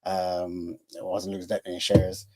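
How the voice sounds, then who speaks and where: Telling his career story on a podcast, this Irish-accented engineer in his forties speaks in a deep, warm, monotone voice at a moderate pace. He's casual, with many fillers and restarts, and faint music plays behind him.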